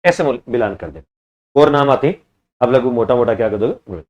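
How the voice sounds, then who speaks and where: Animated man teaching an exam class. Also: medium pitch, moderate pace, dull audio. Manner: quizzing students, repeating answers; scolding and urging the class. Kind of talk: online class lecture.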